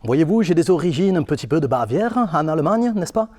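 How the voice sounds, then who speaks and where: A man's voice: a little high, sing-song, a little fast, a little mellow. A man playing a pompous male Bavarian-Belgian beer festival ambassador with a put-on German-Belgian accent, speaking formally and adding tag questions. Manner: formal, keeps adding "n'est-ce pas" and "voyez-vous". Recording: hall reverb.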